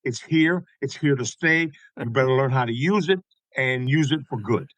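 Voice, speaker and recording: Male guest, 60s, from Tampa, animated storyteller, mid pitch, dry close sound. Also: normal speed, no echo, rough recording. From Tampa, Florida. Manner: animated storyteller, tags points with "okay?". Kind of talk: conversational interview storytelling.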